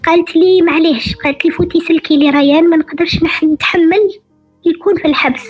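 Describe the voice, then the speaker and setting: High-voiced Algerian woman over the phone. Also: steady tone, faint music behind. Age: middle-aged. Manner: halting, many hesitant fillers. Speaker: caller. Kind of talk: telling her story in a call-in show. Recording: dull phone line.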